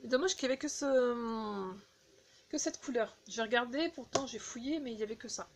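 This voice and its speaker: A woman casually chatting through a beauty haul, halting with fillers and restarts, recorded on a phone indoors. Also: on the high side, slight background noise. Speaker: beauty vlogger.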